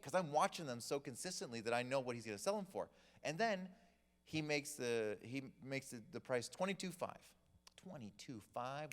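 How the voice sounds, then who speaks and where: A man teaching a class to a group in a church hall, telling stories with humor and acting out the people in them. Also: mid-range voice. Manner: animated storyteller, acts out quoted people. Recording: long hall reverb.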